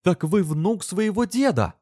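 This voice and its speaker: A fragile, tearful old woman, her high voice quavering and stretched out as she pleads, put on by a male narrator. She swings up and down a lot as she speaks, and the sound is dry and close, with no room around it. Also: lively intonation, brisk, mellow, no room sound. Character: elderly woman, emotional and tearful.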